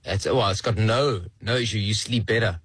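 A man in his forties speaks slowly and haltingly in a recorded voice note played on air, sharing a personal story as a listener. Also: on the low side, a bit bright, husky, no echo. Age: 40s. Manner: slow and halting, with many pauses and ums. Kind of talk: casual personal testimony.

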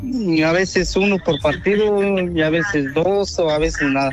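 A man's voice: a little high, a little slow, over music. A man from Guatemala taking a phone call, giving short, polite, hesitant answers. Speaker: prank call target. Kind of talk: phone conversation.

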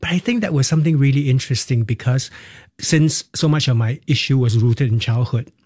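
A Singaporean musical theatre performer whose first language is Cantonese tells candid personal stories as an interview guest. His mellow, medium-pitched voice moves fairly quickly in short, restarting phrases; he's reflective and laughs easily. The audio is clean studio sound with no room tone.

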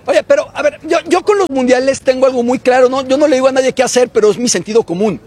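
A man's voice: very high voice, fast, a little mellow. A man, a sports journalist on a panel, explaining his views in a reasoned way. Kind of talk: casual panel chat.

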